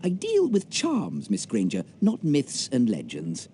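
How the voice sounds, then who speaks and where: An actor with a British accent playing a fussy, scholarly charms professor in a video game, lecturing with theatrical precision. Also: male voice, medium pitch, wildly swooping pitch, measured pace, dark tone, a little hiss or hum. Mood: prim, reluctant.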